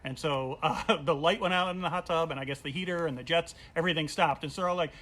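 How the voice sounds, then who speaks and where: Animated male comedian telling a funny story. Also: on the high side, quick pace. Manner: animated, acts out quoted voices. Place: at home during quarantine.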